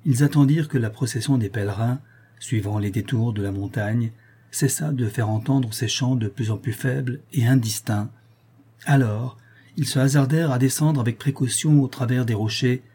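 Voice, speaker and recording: A man reading a novel aloud as an audiobook narrator, with measured storytelling. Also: medium pitch, dark tone, husky. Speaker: audiobook reader. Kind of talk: scripted narration.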